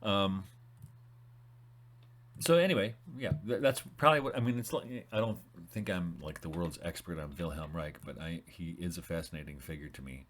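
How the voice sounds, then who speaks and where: A man with a very deep, low-pitched voice talks loosely and conversationally, reading passages aloud from a book along the way. He often restarts his sentences and wanders into asides. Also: normal speed. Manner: rambling, with frequent restarts and asides. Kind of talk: casual talk with reading aloud.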